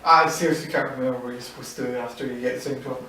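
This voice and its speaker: A man's voice: mid-range voice, steady tone, rapid-fire, pushed and bright. A man playing the game and commenting with dry, sarcastic jokes. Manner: wry, sarcastic, laughs often. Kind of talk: casual gaming chat. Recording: very echoey room, distant mic. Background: faint game music.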